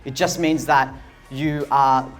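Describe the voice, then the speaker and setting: A man's voice: medium pitch, steady tone, takes it slowly, a bit bright, faint music behind. Upbeat Australian man vlogging. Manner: friendly, upbeat, chuckles often. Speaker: design speaker and vlogger. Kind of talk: casual vlog chat and motivational school talk.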